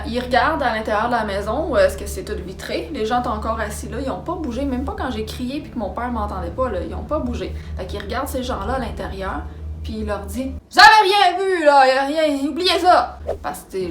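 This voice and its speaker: A young woman with a Québécois accent telling a story in a casual, animated, dramatic way. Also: on the high side, brisk, a little hiss or hum. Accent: Québécois French. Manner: animated, dramatic, acts out sounds and quotes. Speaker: vlogger. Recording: roomy echo with background music.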